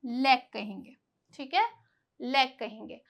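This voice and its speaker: A woman's voice: high-pitched, slow, gravelly, highs cut off. A woman teaching a vocabulary lesson, patiently explaining and drilling by asking her own questions and answering them. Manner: explains patiently, stressing pronunciation.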